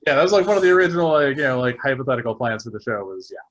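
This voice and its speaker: Male co-host, husky, quick and animated, casual swearing, muffled lo-fi call sound. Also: mid-range voice. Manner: fast, animated, swears a lot. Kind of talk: casual chat.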